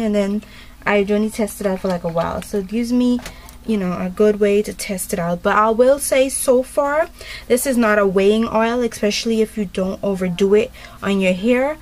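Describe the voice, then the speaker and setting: A woman's voice: medium pitch, a little fast, a little mellow. A woman vlogger talking casually through a hair tutorial, rambling with lots of fillers. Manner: chatty and rambling, many fillers. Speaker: beauty vlogger.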